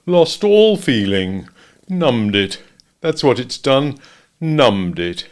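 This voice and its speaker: A man voicing a gloomy old donkey who grumbles slowly. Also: medium pitch, big pitch swings. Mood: glum. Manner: slow, grumbling.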